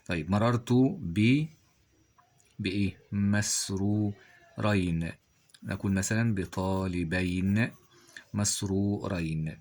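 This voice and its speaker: A man teaching a grammar lesson. He reads example sentences slowly, then asks quiz questions and answers them himself. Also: low voice, darkish tone.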